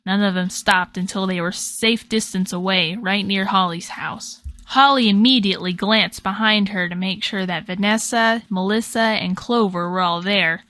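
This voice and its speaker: A woman narrating a storybook tale in an expressive, dramatic way. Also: mid-range voice, normal speed, few pauses.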